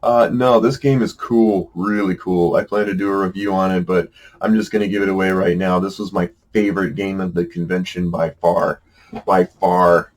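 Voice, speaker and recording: With a low voice, fairly even intonation, and a moderate pace, a middle-aged man hosts a casual board game show over poor audio. He talks in a chatty, wry, self-deprecating way, often saying "uh" and starting sentences over.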